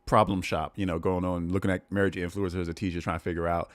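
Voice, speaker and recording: A man's voice: low-pitched, little pitch movement, quick pace, no room sound. A man in his thirties co-hosting a casual livestream Q&A, laid-back and chatty, often laughing. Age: 30s. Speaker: livestream co-host.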